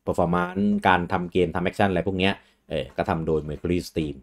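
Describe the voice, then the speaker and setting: ผู้ชายเสียงทุ้ม คุยเกมแบบสบายๆ. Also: male voice, deep voice, moderate pace. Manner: relaxed, rambling with fillers and restarts. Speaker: host. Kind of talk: casual gaming chat.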